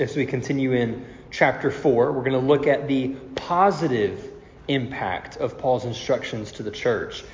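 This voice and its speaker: With a mid-range, darkish voice and a little hiss or hum in the audio, a pastor recovering from a cold delivers an explanatory, step-by-step sermon on scripture. He uses rhetorical questions, preaching to a congregation in a large reverberant room whose echo leaves the sound slightly dull.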